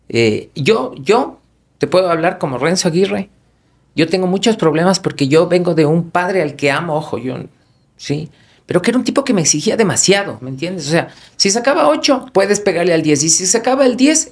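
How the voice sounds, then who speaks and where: Un hombre invitado en un podcast, que habla con pasión y énfasis y suelta groserías a menudo. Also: male voice, sits high. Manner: passionate, emphatic, swears often. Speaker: podcast guest. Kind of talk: emotional podcast conversation.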